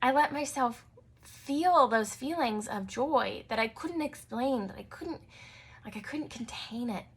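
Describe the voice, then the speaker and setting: A woman's voice: on the high side, animated, unhurried, breathy edge. Chatty young woman hosting a podcast. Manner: chatty, frequent "like" and "um" fillers, laughs often. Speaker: podcast host, naturopathic doctor. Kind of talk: casual solo podcast talk.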